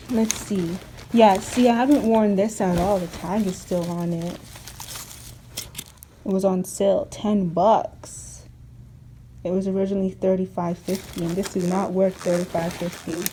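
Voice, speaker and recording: Young woman vlogger, unhurried and rambling, mellow tone, faint background noise. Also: medium pitch, poor audio. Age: young adult. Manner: rambling, filler-heavy and chatty. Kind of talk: casual vlog chat.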